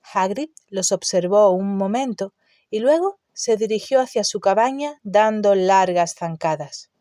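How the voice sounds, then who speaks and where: A woman narrating an audiobook in a measured, expressive storytelling way. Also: medium pitch, no room sound, studio quality.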